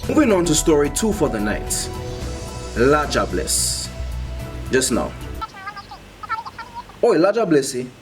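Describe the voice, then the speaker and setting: A man's voice: on the high side, very animated, measured pace, long pauses. Guy doing a st lucian joke news anchor, brash and showy, very up and down delivery, music behind. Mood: mock-serious. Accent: Saint Lucian. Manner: theatrical, mock-formal announcing.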